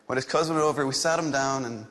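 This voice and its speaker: A man's voice: mid-range voice, fast talker, in a large hall. A young man from Galway with a west of Ireland accent, rambling through casual, self-deprecating stage patter. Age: young adult. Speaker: dating show contestant, drama student. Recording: loud music behind the voice. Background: loud music.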